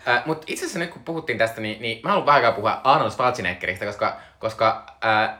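Lively, bright-voiced hesitant man. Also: on the low side. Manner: hesitant, restarts words, musing. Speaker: podcast co-host discussing a film. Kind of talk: casual chat.

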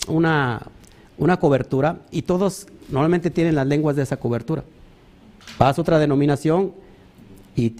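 A man preaches. His voice sits a little high, and he talks in an animated way, throwing out rhetorical questions and mimicking other people as he goes. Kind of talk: sermon.

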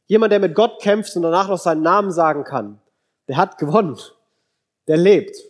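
A man preaching a sermon, repeating phrases for emphasis and dropping low and soft when he quotes biblical figures. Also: moderate pace. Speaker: pastor.

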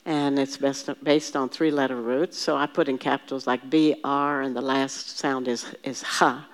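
A woman's voice: rumbling low, steady tone, moderate pace. A woman teaching a Bible study group, patiently explaining words one at a time and having the class repeat them, often restarting her sentences as she thinks aloud.

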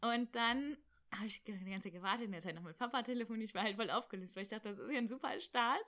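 A young woman casually telling a story about her travels, animated and acting out bits of dialogue. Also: a little high, fast. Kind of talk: casual chat.

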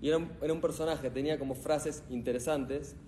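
In a hall full of people, this middle-aged Argentine man delivers an animated motivational talk with no microphone, storytelling and questioning the audience again and again. His voice is on the high side and brisk, and a little hiss or hum is audible.

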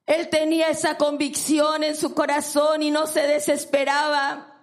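A woman's voice: sits high, monotone, unhurried. A woman preacher delivering a sermon, emphatic and repeating phrases for stress.

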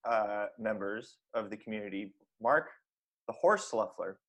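A man's voice: lowish voice, animated, measured pace, fairly bright tone. Earnest, rambling male comedy co-host. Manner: rambling, earnest, many fillers. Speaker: podcast co-host. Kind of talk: deadpan mock-serious comedy chat.

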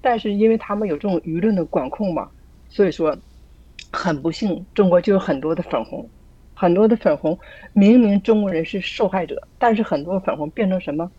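A woman talks earnestly in a mellow, slightly husky voice and keeps throwing rhetorical questions at her listeners. The sound is dull and lo-fi, close and dry, like an online group call. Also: fairly low pitch, a little fast, no room sound. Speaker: church group member sharing. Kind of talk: casual spoken sharing.

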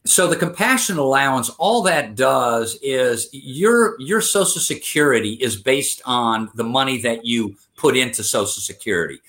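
An interview guest in his fifties speaks earnestly in a conversational interview, his mid-range, fairly bright voice expressive and moving at a moderate pace with hardly any pauses. He uses lots of fillers and frequently restarts his sentences.

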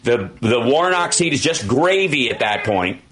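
A middle-aged man hosts a political talk radio show, holding forth in a steady mid-range voice. He talks emphatically and makes jokes as he riffs, in a loose conversational flow. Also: mid-range voice, moderate pace, a crowd in the background. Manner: emphatic, riffing, jokey.

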